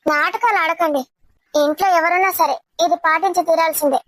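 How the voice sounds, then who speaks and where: A stern housewife who lays down the rules for her husband in a firm, scolding tone, played by a woman. Her voice sits very high and sounds dry and close to the mic, with a lilt in a home web drama. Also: brisk, fairly bright tone, dry recording.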